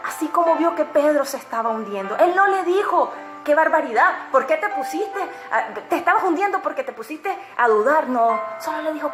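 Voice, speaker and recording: A woman giving an earnest devotional message, urging her listeners with emphatic repetition. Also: high-pitched. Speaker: preacher. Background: music playing underneath.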